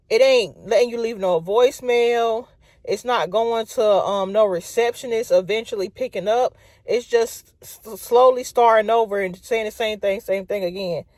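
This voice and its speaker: A woman's voice: mid-range voice, a little mellow, no room sound. Woman, casual storytime, venting, exclaiming, dry close sound. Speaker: vlogger telling a story.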